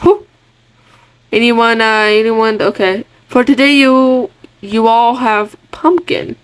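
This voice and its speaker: A woman giving casual, excitable commentary on a game she is playing, chatty and often restarting her words. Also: fairly high pitch, takes it slowly, dry recording, rough recording. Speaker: gaming video creator.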